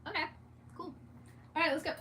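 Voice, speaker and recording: High-pitched and fairly quick, her voice holds a steady, sharp tone over slight background noise. As the streamer running a read-aloud, she keeps up a casual, exclamatory vlog ramble that drifts easily from one thing to another.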